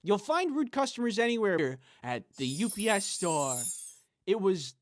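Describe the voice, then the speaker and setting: A man's voice: sits high, very animated, measured pace, a little hiss or hum. A man doing comedic vlog talk to camera, jokey and self-mocking. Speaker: YouTuber.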